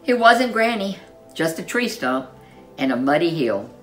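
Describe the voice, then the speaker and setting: Reading a children's story aloud, a woman uses a low voice with very lively intonation. She is expressive, stretching out words for dramatic effect, while soft music plays beneath her.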